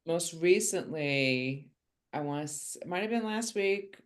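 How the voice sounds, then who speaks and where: A woman's voice: lowish voice, expressive, a little slow, poor audio. A woman in her fifties, an author guest on a podcast, chatting casually with a self-mocking sense of humor and rambling asides. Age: 50s.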